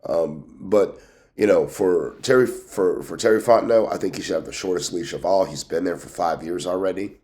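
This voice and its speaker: The host of a sports team news show, nursing a cold and a scratchy throat, sounds stuffy and nasal, almost like he's pinching his nose. His low-pitched, slightly mellow voice moves at normal speed through folksy, casual commentary.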